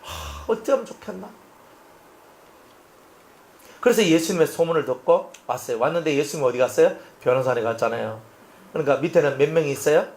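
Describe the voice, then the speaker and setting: A man's voice: fairly high pitch, quick pace, roomy sound. A male pastor, preaching an expository sermon and acting out the scenes as he tells them. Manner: animated storytelling, acting out scenes.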